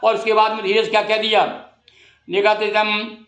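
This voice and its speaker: A man giving a devotional discourse, explaining verses in plain, conversational words and chanting lines slowly. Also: high-pitched, little pitch movement, fairly bright tone, echoey room. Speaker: Ramayana storyteller.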